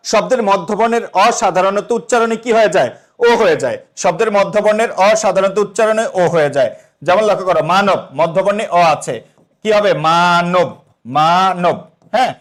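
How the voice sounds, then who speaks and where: A young man teaching an exam-prep lesson, asking the students questions and then answering them himself. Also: high-pitched.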